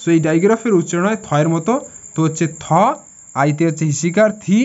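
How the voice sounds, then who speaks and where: High-voiced Bengali man teaching English sounds. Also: fast, darkish tone, dull audio. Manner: spells words letter by letter, checks in with "okay?". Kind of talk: explaining lesson to students.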